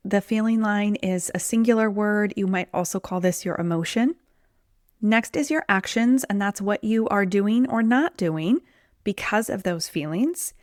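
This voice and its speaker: A woman's voice: mid-range voice, no room sound, studio quality. A woman hosting her own podcast as a weight loss coach, talking in a chatty, conversational way, her voice a little off from being sick. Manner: chatty, conversational, says "like" and "um" often. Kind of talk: solo podcast talk.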